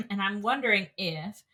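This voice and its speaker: A woman's voice: mid-range voice, expressive, unhurried, sharp tone. A woman in her thirties co-hosting a podcast in casual chat, chatty and laughing often. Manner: chatty, laughs often, compares with the original version. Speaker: podcast co-host.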